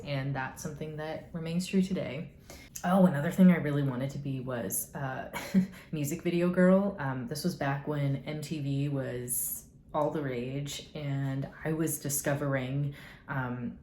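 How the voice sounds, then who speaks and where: A young American YouTuber with a low, slightly mellow voice rambles through get-to-know-me questions in a casual vlog. She hedges constantly and throws in dry, sarcastic asides. The room sounds echoey, with faint noise.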